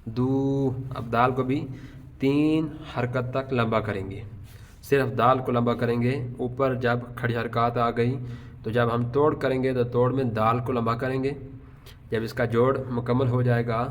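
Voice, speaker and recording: A man with a Pakistani Urdu accent teaching a tajweed lesson, stretching out each letter name slowly, then explaining in quick bursts. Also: medium pitch, flat delivery. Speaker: Quran recitation teacher.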